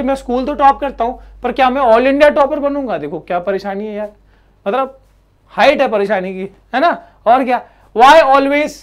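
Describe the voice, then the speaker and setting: A male teacher giving students a motivational talk in a loose, conversational way. He keeps checking in with tag questions and slips into acting out the worries students voice. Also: sits high.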